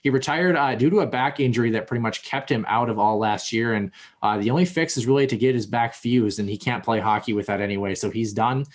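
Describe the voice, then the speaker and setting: A man's voice: medium pitch, quick pace. Man hosting a hockey news podcast. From Minnesota. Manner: reads hockey news with fillers, says he is lisping. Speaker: podcast host. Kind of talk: casual sports news rundown.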